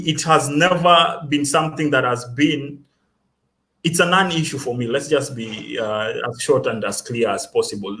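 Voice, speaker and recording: A man's voice: medium pitch, fairly bright tone. A young man with a Kenyan accent, a student guest answering interview questions in an earnest, self-assured way. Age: young adult. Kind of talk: casual interview.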